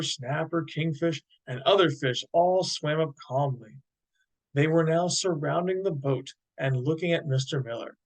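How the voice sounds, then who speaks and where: A man reading aloud a chapter of his own novel in steady storytelling narration. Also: on the high side, low-quality recording. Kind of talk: audiobook narration.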